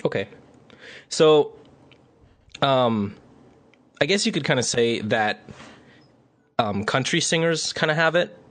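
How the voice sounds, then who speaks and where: Halting, word-searching male co-host. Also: mid-range voice, expressive, fairly bright tone, no room sound. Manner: halting, searching for words, lots of fillers. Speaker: podcast co-host. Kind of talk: casual podcast chat.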